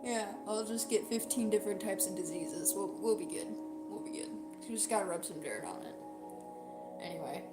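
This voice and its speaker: A singer hosting a livestream chats and jokes casually with viewers, her mid-range voice hoarse, strained and sore from singing, breaking up at times. She speaks at normal speed, with roomy echo and loud music behind her.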